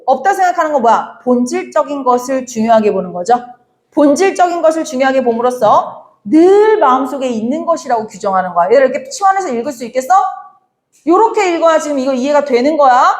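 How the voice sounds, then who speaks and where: A young woman teaching literature in a lively exam walkthrough, chatty and brisk, often asking her students rhetorical questions and acting out quoted lines. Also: high-pitched. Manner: acts out quoted lines in playful voices. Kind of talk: exam problem walkthrough lecture.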